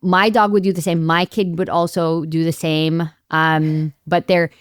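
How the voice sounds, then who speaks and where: A woman hosting a podcast interview from her home studio, relaxed and asking playful quick-fire questions. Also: on the low side, clear, resonant tone, no echo. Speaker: podcast host. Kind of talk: casual interview chat.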